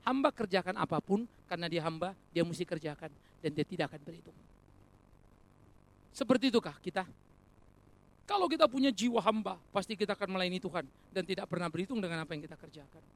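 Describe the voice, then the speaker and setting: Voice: mid-range voice, fast talker. A preacher delivering a sermon, speaking directly to the congregation as brothers and sisters and mixing joking asides into earnest points. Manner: animated, rhetorical, addresses congregation as brothers and sisters.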